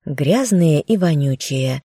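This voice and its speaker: A woman's voice: on the low side, unhurried, dark tone, breathy edge, dry recording, clean studio sound. A woman voicing a haughty, squeamish noble aunt. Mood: disdainful. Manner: disdainful, grumbling.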